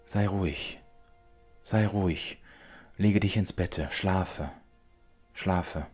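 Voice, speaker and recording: A man's voice: extremely low pitch, fairly even intonation, unhurried, breathy edge, faint music behind, heavily acted. A man reading as a tender, soothing mother.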